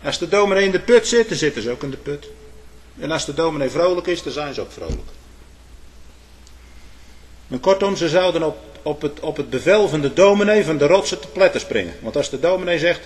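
A man preaching a sermon in old biblical phrasing, swinging from hushed asides to loud proclamations with frequent "hè". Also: a little high, expressive, brisk.

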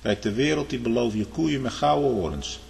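A man preaching a sermon, swinging between loud high outbursts and quiet low asides, often ending lines with a questioning "hm?" and speaking straight to the congregation and its young people. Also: lively intonation, a little fast, creaky. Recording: long reverb of a large hall.

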